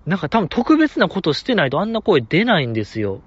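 A man with a Kansai accent talks on his own podcast in a fairly high, bouncy voice that swings all over the place. He gushes like an eager fan and slips in little chuckles. The sound is dull and lo-fi. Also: quick pace, breathy edge, no room sound. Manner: excitable fan gushing, chuckles often. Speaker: podcast host. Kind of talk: casual solo podcast chat. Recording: dull lo-fi audio.

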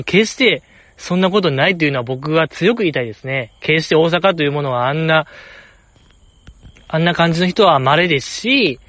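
Osaka guy rambling on solo, slightly high voice, chatty and playfully earnest. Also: fairly bright tone, no room sound. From Osaka, Japan. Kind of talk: casual solo chat.

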